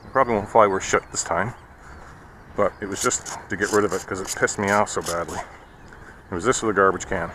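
Flying hobby planes out in an open field, a man chats casually and bluntly, tossing off wry, sweary remarks. His deep voice is brisk, bright and forceful, with fairly even intonation. The noisy sound comes from an outdoor action camera.

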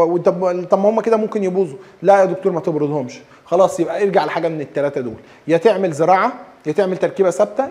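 A man with an Egyptian Arabic accent giving a lively dental lecture, acting out patients' questions and mixing in English terms. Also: high-pitched. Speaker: dentistry lecturer.

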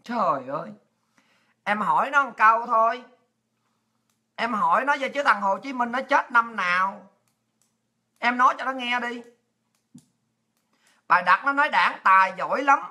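Fiery, bright-voiced woman. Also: a little high, normal speed, long pauses. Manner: blunt, scolding, exclamatory, coarse slang. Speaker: political commentary host. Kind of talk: impassioned monologue.

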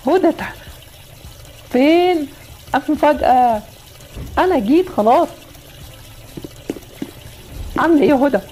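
A woman with an Egyptian accent voicing a gentle, reassuring father in a voiced game story. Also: high voice, moderate pace, slight background noise. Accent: Egyptian Arabic. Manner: calm, reassuring. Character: gentle father, often away traveling.

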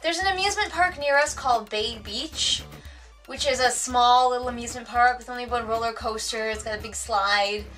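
Her voice is fairly high and a bit bright, moving at a moderate pace, and she sounds far from the camera mic with soft music behind her. She's a thirties-aged vlogger from the United States with a Wisconsin accent, reading tag questions in a bookshelf-lined room at home and answering with deadpan jokes.

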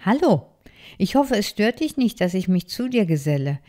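A woman's voice: medium pitch, big pitch swings, normal speed, warm tone, close to an everyday voice. Woman voicing a friendly beach turtle. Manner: friendly, encouraging. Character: friendly cheerful female turtle, dance teacher.

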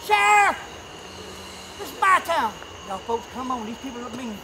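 A man's voice: very high voice, big pitch swings, normal speed. A man playing a cowardly, boastful Western townsman, drawling and yelping as he guides visitors through the woods. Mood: panicky. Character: blustering old Western townsman, cowardly braggart. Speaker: haunt actor. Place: outdoors at night in woods. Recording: outdoor night noise, crickets.

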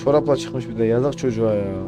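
A man's voice: medium pitch, quick pace. A man reacting to a horror game as he plays, swearing and joking crudely, with game music behind him. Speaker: gamer. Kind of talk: horror game let's play commentary.

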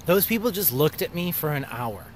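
A man's voice: fairly high pitch, sing-song, normal speed. A young man, a comedian, chatting casually to a phone held at arm's length. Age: young adult. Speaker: stand-up comedian, vlogger. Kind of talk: casual vlog chat. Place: outdoors and in a car. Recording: background noise on handheld phone.

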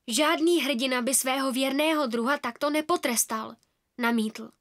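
A woman narrating a children's fairy-tale audiobook in the first person, with a soft, expressive storytelling manner. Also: high voice, no echo, clean studio sound.

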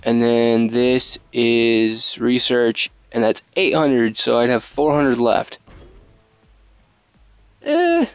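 Gravelly man rambling over a game. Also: mid-range voice, flat delivery, takes it slowly, few pauses, no room sound, soft background music. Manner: rambling, self-mocking, laughs often. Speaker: let's play host. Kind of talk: casual gameplay commentary.

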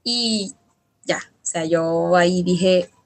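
A woman's voice: fairly low pitch, slow pace. A young woman from Latin America, a guest telling her story in a casual interview, hesitant with many restarts. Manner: hesitant, many restarts and fillers, quotes her own past words. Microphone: studio microphone.

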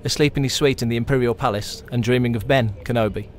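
A man's voice: mid-range voice, steady tone, quick pace, slight background noise. Man reading a novel aloud on a show floor. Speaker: audiobook narrator.

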